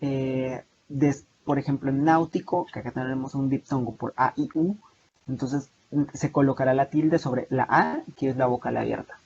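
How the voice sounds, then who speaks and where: A young man with a Salvadoran Spanish accent teaches an online class over slides, his medium-pitched, slightly mellow voice carrying some vocal fry at a moderate pace. He explains steadily but with many hesitations and restarts, through a muffled, lo-fi video call mic with faint noise.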